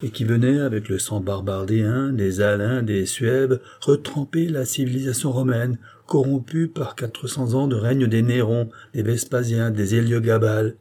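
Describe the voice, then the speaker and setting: A man's voice: medium pitch, steady tone, moderate pace, hardly any pauses, dark tone, close to an everyday voice. A man reading the part of a cold, scheming male occultist in an audiobook, with a sweeping, relentless oratorical delivery. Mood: grandiose.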